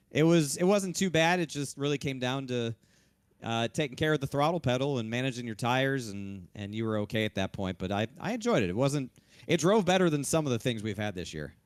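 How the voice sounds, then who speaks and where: A man talking through his sim race win in a loose, rambling way, his voice a little worn from celebrating. The tone stays smooth and resonant, and the recording is dry and close. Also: mid-range voice, no room sound. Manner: relaxed, loose, frequent restarts and fillers. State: losing his voice. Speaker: race-winning sim racing driver. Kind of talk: post-race interview.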